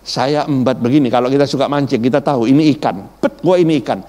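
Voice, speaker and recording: A man's voice: medium pitch, fast talker. A middle-aged man, a pastor, preaching a sermon built around a personal testimony, telling his story animatedly and repeatedly addressing the congregation. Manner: animated storytelling, acts out quoted voices, repeats "Bapak Ibu".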